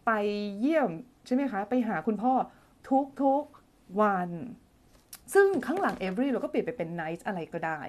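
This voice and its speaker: A woman's voice: on the high side, very animated, measured pace. A woman teaching English grammar on a live stream, reading out viewer comments, chatty and playful, laughing often and humming as she thinks aloud. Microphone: phone or desk mic for a live stream.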